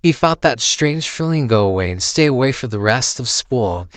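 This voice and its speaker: A man's voice: mid-range voice, lively intonation, moderate pace, no echo. A man narrating a horror story, reading it aloud as a storyteller.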